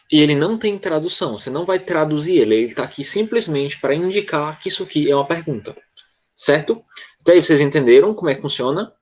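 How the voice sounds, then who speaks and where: A man's voice: fairly high pitch, dull audio. A Brazilian man teaching an online class, patiently explaining a grammar rule and checking often that students follow. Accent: Brazilian Portuguese. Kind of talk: online English lesson explained in Portuguese.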